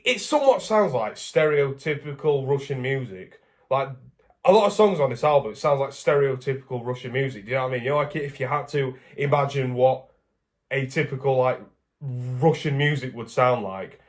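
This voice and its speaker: Man, from England, casual vlogger, rambling, self-correcting, mid-pitched. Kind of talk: casual vlog talk.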